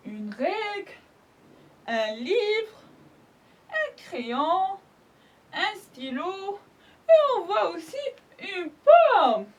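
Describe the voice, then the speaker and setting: A woman teacher with an Algerian accent leads a French lesson for small children. Her voice sits very high and moves up and down expressively. She spells out each letter patiently and praises the class often. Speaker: primary school French teacher. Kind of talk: slow, clear spelling lesson for young children.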